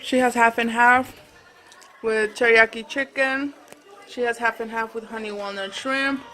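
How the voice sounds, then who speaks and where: A woman's voice: a little high, fairly even intonation, a little slow, sharp tone. Casual female vlogger, chatting to viewers while eating a meal. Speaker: vlogger and mother.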